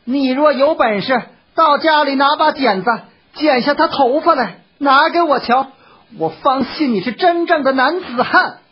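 A storyteller voicing a sharp-tongued young courtesan with a mocking, goading manner, in a dull lo-fi recording. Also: high voice, lively intonation, a little slow, voice pushed up. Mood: taunting.

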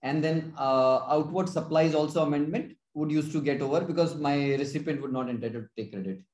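A man's voice: fairly high pitch, brisk, darkish tone. Indian-accented man presenting, in an echoey room. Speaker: tax consultant presenting a webinar. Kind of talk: explanatory webinar presentation. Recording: roomy, echoing webinar audio.

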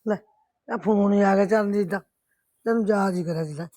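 A woman's voice: medium pitch, a little fast, mellow, dry recording, natural voice. A middle-aged woman playing a firm, caring village mother who scolds and comforts her daughter in a rural family drama. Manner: scolding yet comforting, blunt.

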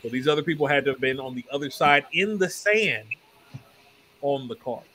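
A man's voice: medium pitch, expressive, moderate pace, bright, forceful tone, low-quality recording. A man narrating as the game master of a tabletop game, in a laid-back, loose storytelling way. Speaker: dungeon master.

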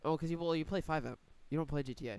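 A teenage boy co-hosting a podcast, joking and animated, congested and stuffed up. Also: fairly high pitch, racing, smooth, no echo. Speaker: podcast co-host. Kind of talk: casual chat.

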